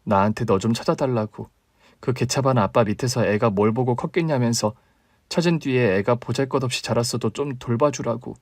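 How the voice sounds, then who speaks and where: A man voicing a caring older sister in a radio drama reading, calm and consoling in a low, quiet tone. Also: fairly quick, no echo, close to an everyday voice. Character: young woman, steady caring older sister.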